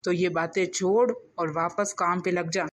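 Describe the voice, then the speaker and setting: A woman's voice: fairly low pitch, fairly even intonation, measured pace, a little hiss or hum, lightly acted. A woman voicing a stern young husband in a cartoon comedy, who lectures and scolds his wife. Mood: scolding.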